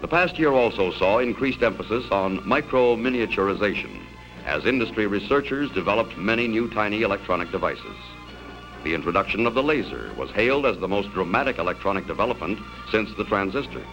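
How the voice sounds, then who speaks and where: A man's voice: a little fast, soft background music, poor audio. Man narrating an old 1960s newsreel. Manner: formal announcer delivery, lively pitch. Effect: old newsreel sound.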